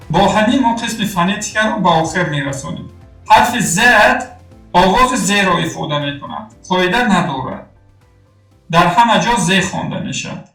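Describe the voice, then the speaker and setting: Male Tajik teacher, high voice, measured drill delivery, distant mic with faint music behind. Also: fairly bright tone. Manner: slow, deliberate word-by-word pronunciation drills. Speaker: language teacher. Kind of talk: phonetics lesson. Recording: echoey room, mic far off, faint music.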